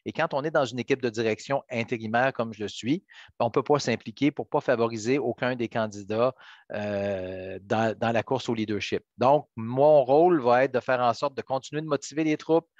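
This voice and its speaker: A man's voice: mid-range voice, normal speed, dry recording. Muffled middle-aged man with Quebec French accent. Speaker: politician, interview guest. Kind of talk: conversational interview answers. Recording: dull, lo-fi band-limited sound.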